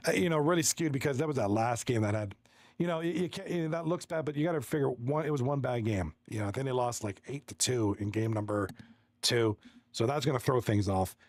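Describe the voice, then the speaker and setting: Speaking a little fast in a mid-range voice with no room sound, this man from Toronto, Canada, commentates esports hockey on a casual livestream. Friendly and rambling, he reads out the chat and goes over stats with many restarts.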